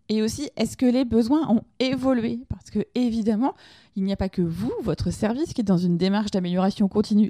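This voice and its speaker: A woman's voice: medium pitch, warm tone, dry recording. Woman explaining in a dry close voice. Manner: conversational, addresses listeners directly with questions. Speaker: podcast host teaching lean management. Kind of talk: informal explanatory lesson.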